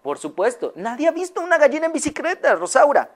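A woman's voice: lowish voice, sing-song, normal speed. A woman voicing a kind, doting older woman who coaxes her pet hen with sweet, affectionate words. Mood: incredulous.

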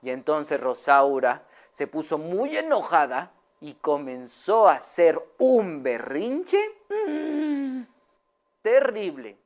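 A woman's voice: deep voice, big pitch swings, slow pace, few pauses. A woman telling a children's story aloud, often asking her young listeners questions.

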